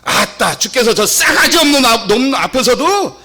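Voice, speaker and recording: A man putting on a folksy Jeolla dialect voice to recite a psalm, loud and exclamatory. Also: extremely high pitch, very animated, moderate pace, voice pushed up, exaggerated voice. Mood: playful.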